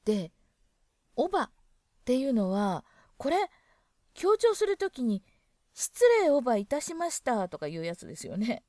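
A woman gives a relaxed spoken lesson in a higher, very lively voice that rises and falls a lot. She muses aloud between points and acts out little example lines. The sound is dry and close, with no room around it. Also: moderate pace, pauses often, no echo. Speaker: dialect lesson presenter.

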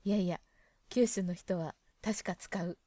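A woman's voice: fairly low pitch, fairly even intonation, measured pace, mellow, no room sound. A woman presenting a casual spoken lesson, chatting and musing aloud as she acts out example lines.

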